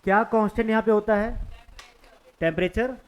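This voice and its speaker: A man with a high-pitched voice teaches physics to a class, his speech carrying an eastern Indian Hindi accent. He talks in a loose, conversational way, repeating the steps and pausing to ask whether everyone follows. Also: smooth, rough recording. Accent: Hindi-speaking eastern India. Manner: conversational, keeps checking understanding with the class. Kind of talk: classroom lecture.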